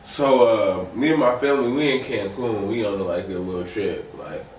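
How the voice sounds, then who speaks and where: A man's voice: lowish voice, moderate pace, far from the mic. Slangy young man telling rambling stories. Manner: rambling storyteller, slangy, acts out quotes. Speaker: podcast co-host. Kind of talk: casual chat. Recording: roomy sound, off-mic, faint noise.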